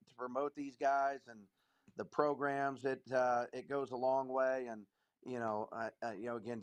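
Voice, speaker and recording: Measured male basketball coach. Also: medium pitch, clean tone. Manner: measured, repeats phrases while thinking. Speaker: high school basketball coach. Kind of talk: interview guest.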